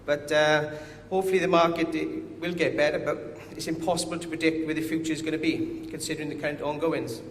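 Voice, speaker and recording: Here a company director with a strong Welsh accent rushes through his conference presentation, his slightly high voice flat and his pace quick with hardly any pauses. He's a touch nervous and self-deprecating. It's recorded in an echoey conference hall with faint noise.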